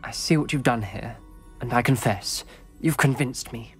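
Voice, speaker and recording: An actor playing a reserved, cautious young wizard student in video game dialogue. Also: male voice, mid-range voice, slightly rough. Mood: guarded. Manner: measured, cautious, solemn. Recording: game audio with faint music.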